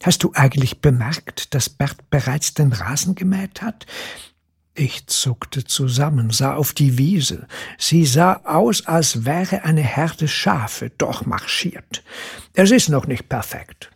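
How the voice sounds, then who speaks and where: Casting: male author-reader, raspy and gravelly, dry first-person storytelling. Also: a little high, lively intonation, slow. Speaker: author reading his own short story.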